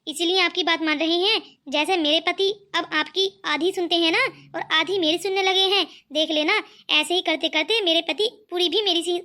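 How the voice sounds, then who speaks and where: This is a cartoon daughter-in-law who flatters her mother-in-law while plotting in sly asides, with a woman doing the voice. The voice is very high and bright. She sounds pleased with herself. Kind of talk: cartoon voice acting.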